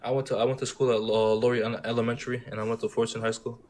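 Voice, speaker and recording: A young man born in Syria and raised near Detroit calls in to a casual debate, speaking with a slight Arabic accent. His mid-range voice is level and very fast, rambling and insistently repeating itself over crowd noise.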